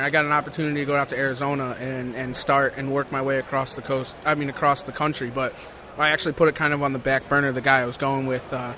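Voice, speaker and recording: A man's voice: mid-range voice, pushed and bright, slight background noise. A man co-hosting a bowhunting podcast, talking animatedly and swearing as he rambles. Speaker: podcast co-host. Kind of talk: casual chat.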